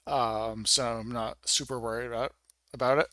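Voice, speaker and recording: A man giving a casual, rambling personal update in an informal, wryly understated way, with halting, hesitant phrasing. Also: mid-range voice, steady tone, sharp tone, no echo, clean studio sound. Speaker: video blogger.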